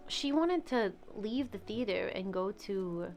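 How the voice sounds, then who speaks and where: A woman's voice: mid-range voice, animated, unhurried, darkish tone, soft background music. A woman in casual role-play chat, talking frankly and swearing freely. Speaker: streamer role-playing a theater owner.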